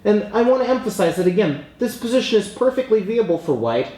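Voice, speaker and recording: Higher-voiced man explaining chess, roomy echo. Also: big pitch swings, quick pace, mellow. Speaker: chess instructor.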